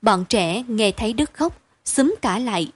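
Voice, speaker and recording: Woman narrating an audiobook, high voice. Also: lively intonation, breathy edge, no room sound. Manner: measured storytelling read.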